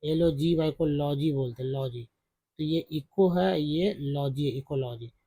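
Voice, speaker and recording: A man's voice: fairly high pitch, measured pace, dark tone, slightly rough, dry recording. A man teaching English spelling and pronunciation in a patient lesson, repeating each sound several times.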